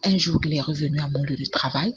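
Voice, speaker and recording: A woman's voice: sits low, fast. A woman chatting casually through a long personal story, full of fillers and repeated words. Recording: dull lo-fi recording with faint noise.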